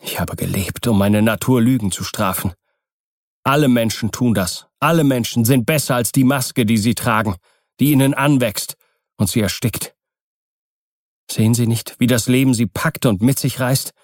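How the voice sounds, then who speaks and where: A man's voice: medium pitch, steady tone, moderate pace, darkish tone, no room sound, clean studio sound, close to an everyday voice. A man voicing Markheim, a frightened and desperate male murderer who talks in agitated exclamations.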